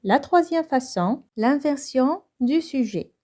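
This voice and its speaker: Young Moroccan woman, teacher; patient lesson delivery with a mellow tone. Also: sits high, expressive. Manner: explains slowly, then repeats each point in Moroccan Arabic. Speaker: French teacher. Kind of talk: bilingual grammar lesson.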